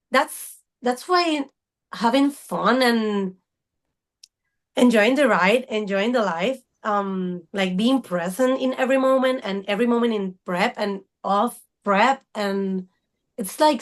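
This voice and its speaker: Woman, thirties, podcast guest, earnest, searching for words, unhurried, somewhat high voice. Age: 30s. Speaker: podcast guest, fitness coach. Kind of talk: casual interview talk.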